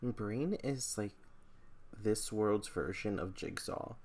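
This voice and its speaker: A book vlogger chats casually as he reacts to books in a read-along, tossing out playful, incredulous comments and slangy asides. His voice sits on the low side, with a slow pace and a darkish tone.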